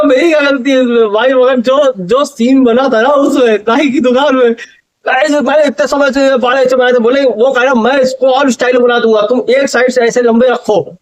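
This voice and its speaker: A young man vlogger from India, casually retelling a funny barbershop mishap, animated and laughing at his own story. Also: very high voice.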